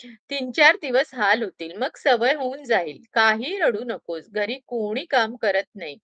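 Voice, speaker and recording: A woman voicing a grown male shop worker who gives instructions in a gruff, caring way. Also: on the high side, expressive, measured pace, sharp tone, no room sound. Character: kindly senior shop worker, grown man.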